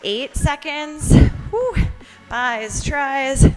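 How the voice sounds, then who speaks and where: A woman's voice: fairly high pitch, animated, slow pace, soft background music, low-quality recording. A woman leading a workout as instructor, encouraging and counting down cues while exercising along. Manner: exerting herself while talking, exercising along.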